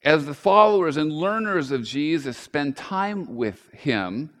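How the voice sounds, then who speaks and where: A male pastor giving a conversational sermon, full of fillers and restarts, growing louder and higher on key points.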